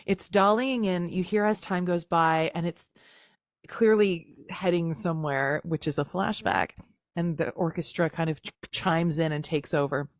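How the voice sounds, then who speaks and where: A woman's voice: on the low side, steady tone, no room sound. Chatty woman recapping a film, dry mic. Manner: chatty, jokey, acts out lines in quick voices. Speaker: podcast co-host. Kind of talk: casual chat recapping a film.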